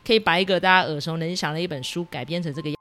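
A woman with a somewhat low voice hosts a casual film recap. She talks in a chatty way, full of little particles, and her pitch leaps up when she acts out what characters say. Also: racing, a bit bright. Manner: chatty, many sentence-final particles; acts out quoted lines with jumps in pitch. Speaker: film review host.

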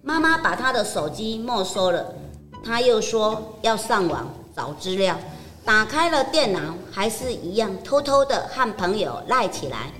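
An older woman narrating a children's story gently. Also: medium pitch, sing-song, a little slow, in a large hall, soft background music.

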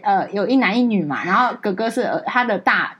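Fast-talking woman telling a personal story. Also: medium pitch, breathy edge, muffled recording. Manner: animated storytelling, acts out quoted dialogue. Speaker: podcast co-host. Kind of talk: casual chat.

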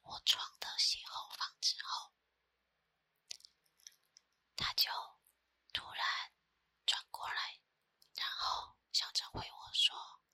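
A woman with a Taiwanese Mandarin accent tells personal stories in a soft, breathy ASMR whisper close to the microphone, unhurried and with pauses. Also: dry recording. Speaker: ASMR creator. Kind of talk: whispered ASMR storytelling, chatty.

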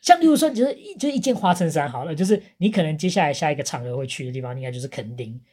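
Low voiced taiwanese mandarin woman hosting a chatty podcast, bit raspy, rattles along fast. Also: darkish tone. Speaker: podcast host. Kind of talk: casual chat, giving travel tips.

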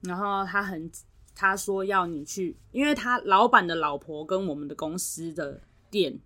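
A young woman's voice on the low side moves at a moderate pace as she, a podcast co-host, animatedly retells a work story in casual chat, voicing the people involved.

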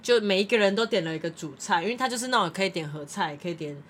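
A young woman, co-hosting a casual chat and telling animated stories with lots of laughter. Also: mid-range voice, very fast, slight background noise. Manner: animated anecdotes with frequent laughter. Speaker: podcast co-host.

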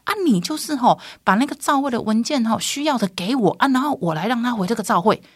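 A woman's voice: on the high side, expressive, fast talker, slightly rough, no echo, studio quality, voice pushed up. A woman voicing a pushy older male company chairman who talks in a coaxing, boastful way.

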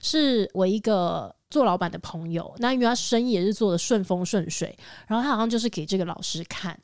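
A chatty woman from Taiwan co-hosts a casual podcast. She tells long stories with little laughs, at a middle pitch. The sound is close and dry. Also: brisk, clean tone, no room sound. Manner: chatty, storytelling with giggles. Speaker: podcast co-host. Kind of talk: casual chat.

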